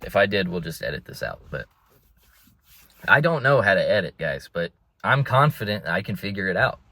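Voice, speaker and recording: A man's voice: low voice, big pitch swings, normal speed, bright, forceful tone, no echo. A young man vlogging from inside a car, rambling in a laid-back way and calling his listeners bro. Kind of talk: casual rambling monologue.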